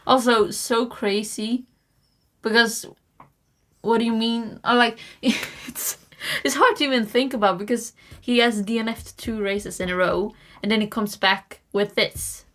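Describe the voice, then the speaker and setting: A young woman co-hosting a casual podcast, giggly and excitable, quick to agree. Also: a little high. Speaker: podcast co-host. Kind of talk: casual chat.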